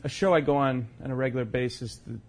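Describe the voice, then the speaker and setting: A man's voice: mid-range voice, quick pace. Earnest male podcast guest. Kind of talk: casual chat.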